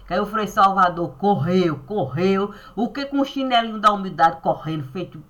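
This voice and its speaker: A woman telling a personal story in a playful, animated way, acting out the dialogue. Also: mid-range voice, normal speed.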